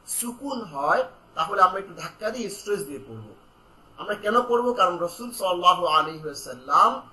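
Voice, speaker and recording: Bright high-voiced man teaching recitation. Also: roomy sound, rough recording. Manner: drills syllables loudly for students to repeat; slow, explaining calmly between drills. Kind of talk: online Quran pronunciation lesson.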